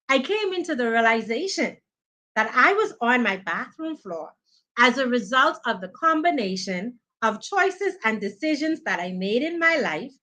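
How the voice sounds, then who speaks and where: High, bright-voiced woman coaching live. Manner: earnest and preaching, thanks viewers by name. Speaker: life coach hosting a live training. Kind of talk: live-stream motivational talk.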